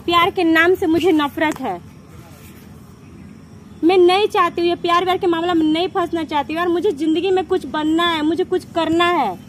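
A woman's voice: very high voice, steady tone, normal speed. A woman arguing a male friend by a road, insistent and scolding, faint traffic behind. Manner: insistent, scolding, repeats "ठीक है ना?". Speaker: prank vlog participant. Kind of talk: heated casual argument. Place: outdoors by a road.

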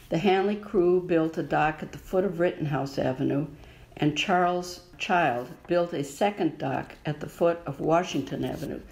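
Lady historian w a low voice reading her talk, steady and measured. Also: rough recording. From United States. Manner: measured, informative, reading from a prepared text. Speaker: local historian and author giving a talk. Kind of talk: read-aloud slideshow history presentation.

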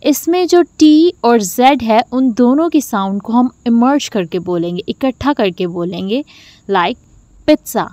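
A woman teaching a pronunciation lesson, saying each word slowly and repeating it with care. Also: on the high side, expressive, mellow, dry recording. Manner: slow, careful repetition of words. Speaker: English teacher.

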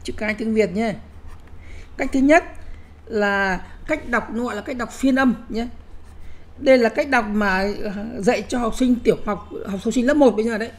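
A woman's voice: on the high side, moderate pace. Emphatic woman lecturing teachers. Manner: emphatic, repeats words, frequent "nhé" asides.

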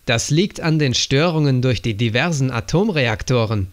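A man's voice: mid-range voice, animated, moderate pace, close to an everyday voice. A man voicing a deferential young male electronics specialist who answers hesitantly in an audiobook.

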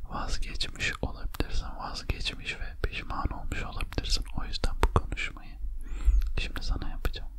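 A man in his thirties whispers quietly, as if at night before sleep, in a slow, soothing ASMR motivational talk spoken straight to the listener at close range. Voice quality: unvoiced breathy whisper. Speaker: ASMR host. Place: small lamp-lit room at home.

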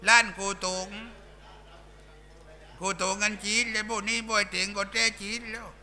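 A man voices a bawdy village clown in a Southern Thai accent, cracking coarse jokes during a live shadow puppet show. His high voice is bright and forceful, with fairly even intonation and a slightly slow pace, and the performance is heavily acted. The mood is rowdy, bantering, and crude.

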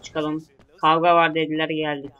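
A young man commentating on his own gameplay in a bright, slightly high voice. He grumbles, curses and talks back at the game as he plays. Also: monotone, moderate pace, highs cut off. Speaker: gamer. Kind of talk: let's play commentary.

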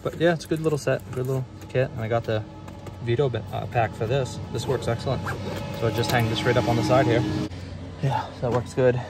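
A man's voice: mid-range voice, fairly even intonation, fairly quick, over music. A self-employed HVAC technician giving a casual, rambling tour of the gear in his work van, listing items with many fillers.

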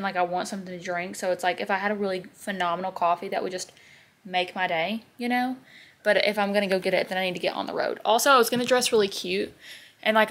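A woman in her twenties talking casually to camera in a beauty vlog, rambling with lots of "like" and "um". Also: medium pitch. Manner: chatty, rambling, heavy use of "like" and "um". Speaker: beauty vlogger. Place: bedroom with vanity mirror, indoors. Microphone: camera on a desk or handheld at arm's length.

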